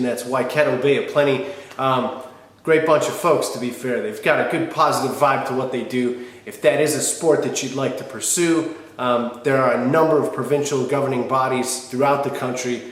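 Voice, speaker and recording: A man, talking to camera in a direct, colloquial, instructional way as a fitness host. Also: mid-range voice. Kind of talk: talking to camera, answering viewer questions. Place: small wood-panelled home gym, indoors. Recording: very echoey room.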